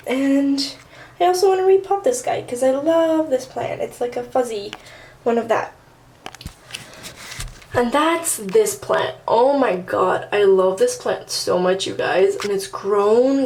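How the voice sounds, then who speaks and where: The recording is rough, with a little hiss or hum, as a teen girl from southern California leads a casual plant tour through her apartment room and bathroom. She speaks in a mid-range, darkish voice with a slight Armenian Russian accent, filling her chatty vlog with fillers.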